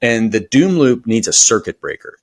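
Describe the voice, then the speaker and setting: A man who is a performance coach, talking as a podcast guest in an energetic, rambling motivational style with many fillers. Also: mid-range voice, normal speed. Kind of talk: podcast interview conversation.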